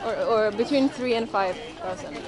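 A woman's voice: on the high side, moderate pace. A woman chatting casually and teasingly while walking through an outdoor street market, often laughing. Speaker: travel vlogger. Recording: crowd chatter behind.

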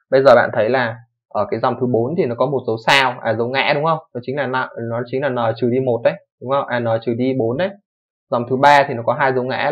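A young male programming teacher with a medium-pitched voice races through a screen-recorded coding tutorial. His explaining is quick and informal, peppered with "đúng không" check-ins and corrections of his own slips, all captured on a dull, lo-fi microphone.

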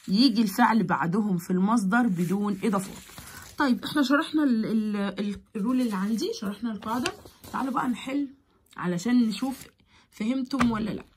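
A patient woman teacher with an Egyptian Arabic accent walks young pupils through English grammar. Her voice sits a little high and has a husky edge. She repeats key words and keeps checking with the class. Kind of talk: explaining grammar to primary pupils.

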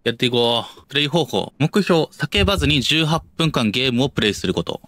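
A young man with a Kansai accent plays through a horror game, keeping his voice low and then yelping when startled. His pitch swings all over the place. The sound is dry and close, with no room echo. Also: animated, a little fast, a bit bright. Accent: Kansai Japanese. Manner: jumpy, yelps and mutters to himself, talks himself down. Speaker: game streamer.

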